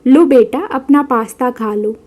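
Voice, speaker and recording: A woman's voice: high-pitched, a little slow, darkish tone. A woman voicing a naive young bride from a village who speaks simply and earnestly. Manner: simple rustic speech, earnest.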